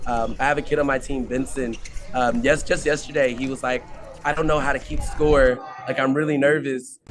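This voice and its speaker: A young man speaks casually at outdoor tennis courts, a counselor giving loose, filler-heavy answers as he retells what the kids told him. His pitch sits in an ordinary middle range. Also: fairly even intonation, normal speed. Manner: chatty, quotes campers, many fillers.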